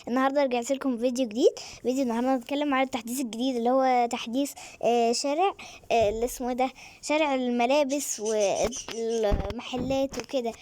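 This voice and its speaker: Egyptian woman gaming host, quick chatty delivery, a bit high, excitable. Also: a little hiss or hum. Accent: Egyptian Arabic. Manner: chatty, excitable, with many fillers. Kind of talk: casual gameplay commentary.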